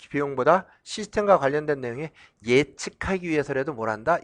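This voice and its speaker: Middle-aged male professor, recorded lecture, animated pitch, a little high, asks and answers his own questions. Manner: drawing on the slide while talking; lively, acts out shouts in a loud voice.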